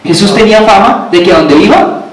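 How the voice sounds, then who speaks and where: High-voiced preacher in echoey hall. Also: male voice, lively intonation, a little fast. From Colombia. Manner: asks the congregation questions, repeats phrases for emphasis. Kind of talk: sermon. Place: church hall. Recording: very echoey hall, from far off, faint background noise.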